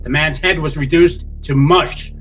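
An actor playing a composed, skeptical asylum doctor questioning a patient in a measured, condescending way, in an audio drama. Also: male voice, fairly high pitch, fairly even intonation, a bit bright, soft background music, poor audio. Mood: accusing.

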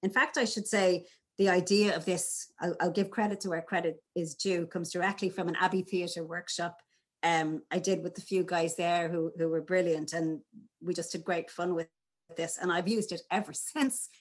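A woman, a drama teacher talking through classroom exercises in an interview, animated and playful. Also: lowish voice, normal speed. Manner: animated, demonstrates lines in varied voices. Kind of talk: conversational interview.

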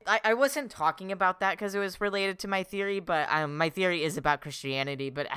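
A man's voice: high-pitched, brisk, sharp tone, clear, resonant tone, no room sound, clean studio sound. A young man co-hosting a podcast, rambling casually with frequent swearing and filler words. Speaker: podcast co-host. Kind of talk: casual chat.

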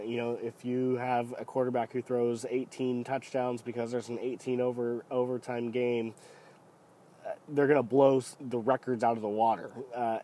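Man, deep cold-affected voice, hesitant casual sports commentary, opinionated, rambling, faint background noise. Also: mellow. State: sick with a cold. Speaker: sports podcast host. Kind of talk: casual solo NFL commentary.

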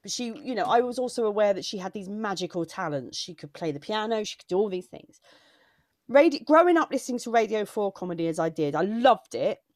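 Woman comic, heartfelt and digressive chat, mid pitch, dry sound. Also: lively intonation, fairly quick, no room sound. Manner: emotional, digressive, with restarts. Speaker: comedian. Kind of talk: casual chat.

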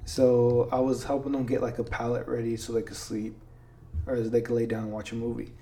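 A young man telling a long story on a podcast in a loose, easygoing way. He keeps slipping "dude" and "like" into his sentences. His voice sits at an ordinary middle pitch. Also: monotone, fairly quick, mellow. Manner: laid-back, peppers speech with "dude" and "like". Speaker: podcast host. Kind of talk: casual storytelling chat.

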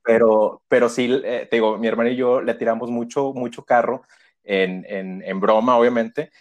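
A man's voice: medium pitch, moderate pace, muffled recording. A young man with a Mexican Spanish accent, casually telling a story full of slang and frequent laughter. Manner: laughs often, heavy slang, animated retelling.

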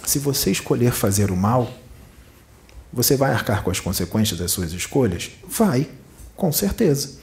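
A Brazilian man from Rio de Janeiro, a spiritual medium, delivers a channeled teaching in Rio-accented Portuguese, preaching emphatically and posing many rhetorical questions. His voice is medium-pitched, sing-song, creaky and darkish, at a normal speed.

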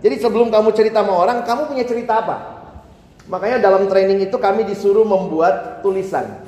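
A man's voice: sits high, fast talker, darkish tone. A male preacher giving a conversational sermon, asking the audience rhetorical questions and slipping into casual slang. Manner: slips into casual slang and plays out mock dialogues. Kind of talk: sermon teaching on evangelism. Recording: roomy hall reverb with faint ambience.

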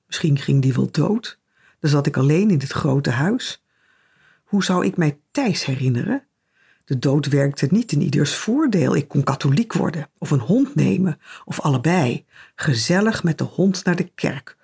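A woman's voice: low-pitched, lively intonation, measured pace, gravelly, darkish tone, breathy edge. A woman narrating a novel in the first person, with a dry, wry, understated delivery. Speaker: audiobook narrator.

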